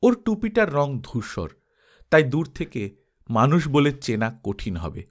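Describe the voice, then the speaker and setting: At a slow pace and in a mid-range voice, a man reads an adventure story aloud as dramatized audiobook narration. He acts expressively through the tale and performs the characters' dialogue.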